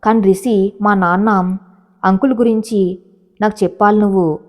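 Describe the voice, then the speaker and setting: A woman's voice: medium pitch, fairly even intonation, moderate pace, a little mellow, natural voice. Woman reading as Amulya, a timid young clerk. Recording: long hall reverb.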